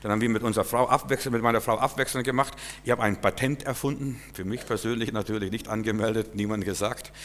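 A middle-aged pastor delivers a sermon with an emphatic voice. He swings between loud, pressing bursts and low, quiet asides. His voice rings out with a long reverb, as in a large church hall. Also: steady tone, fast talker, hardly any pauses, slight background noise.

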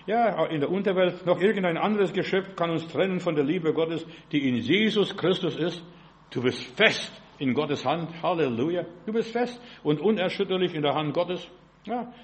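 Preaching with repetitive exhortation and plenty of brief affirming tags, this late-seventies man from the former Soviet Union delivers a sermon in a slightly high voice.

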